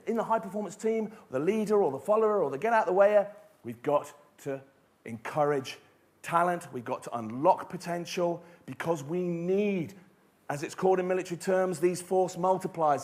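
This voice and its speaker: A middle-aged man giving an emphatic keynote talk, telling stories and asking rhetorical questions. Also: high-pitched. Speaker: motivational speaker. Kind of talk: keynote speech.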